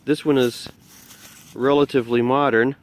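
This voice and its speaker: In a medium-pitched, steady voice at normal speed, a man casually narrates while digging outdoors in a muddy field, vlogging his metal detecting finds and thinking aloud.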